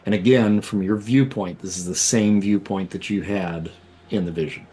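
A man narrating as game master in a relaxed, descriptive way, filling pauses with uh. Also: on the low side. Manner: relaxed, descriptive, with many fillers.

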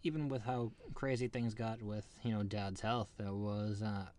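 A man's voice: on the low side, steady tone, moderate pace, a little mellow. A young man co-hosting a podcast, easygoing and chatty. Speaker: podcast co-host. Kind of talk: casual podcast chat.

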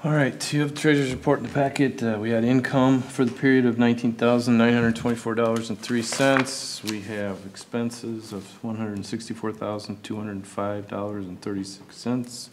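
A man's voice: mid-range voice, little pitch movement, moderate pace, few pauses, background noise. A man acting as treasurer, giving a matter-of-fact report at a board meeting. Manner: matter-of-fact, reading figures.

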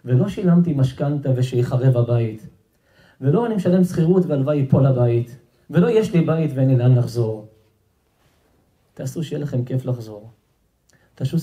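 Rabbi preaching at a house-warming, mellow dark voice, keeps repeating himself, talks right to the crowd. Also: male voice, medium pitch. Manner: emphatic, repeats himself, talks directly to the audience. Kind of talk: sermon at a house-warming gathering. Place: home gathering with an audience.

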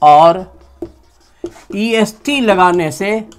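A grammar teacher giving a lesson in Hindi. The teacher explains rules slowly and stretches words out while writing. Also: medium pitch. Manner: slow, drawn-out dictation while writing. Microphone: phone on a tripod with a clip-on mic.

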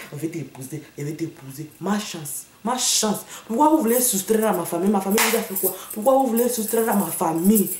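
A woman's voice: medium pitch, warm tone, slight background noise. Sassy woman ranting in an echoey room. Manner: sassy, mocking, mixes in English and slang. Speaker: comedian vlogger. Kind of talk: comic rant to camera. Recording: echoey room, a bit far from the mic.

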